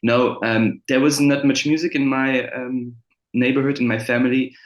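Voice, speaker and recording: A man's voice: medium pitch, level tone, normal speed, highs cut off. A man who grew up in France and Germany, a musician guest speaking English as a second language, with many fillers and restarts. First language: French or German. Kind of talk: casual interview. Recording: roomy echo.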